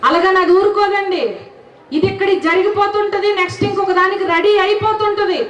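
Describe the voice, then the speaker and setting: Woman, devotional speaker, high voice, earnest, asks questions, dull far-off echoey hall sound. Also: little pitch movement, brisk, a bit bright. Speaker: spiritual speaker. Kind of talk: devotional talk with sung verses.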